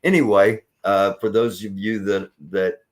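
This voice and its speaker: Low-voiced older man reminiscing. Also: steady tone, measured pace. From Indiana, US. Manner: rambling, folksy, with restarts and laughs. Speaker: podcast host. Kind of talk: casual reminiscing chat.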